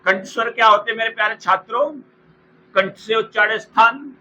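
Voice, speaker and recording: In a low-quality recording with faint noise underneath, a man teaches an exam-prep lesson in a bright, high voice. He speaks slowly and repeats each term so students can copy it down, calling the class by fond names as he explains.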